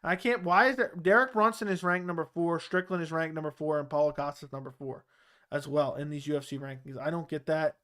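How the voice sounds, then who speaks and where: A young man from the Baltimore area, speaking with that accent, hosts a live chat show and answers viewer comments loosely, rambling with fillers and restarts. His voice is on the high side, pushed and bright with a clean tone, steady and quick.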